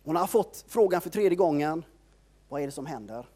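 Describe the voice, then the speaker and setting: A male preacher retells scripture in a relaxed, chatty way, with filler words dotting his sentences. His voice is somewhat high for a man but dark and mellow in tone. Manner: conversational storytelling, constant filler words. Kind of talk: informal sermon retelling a Bible story.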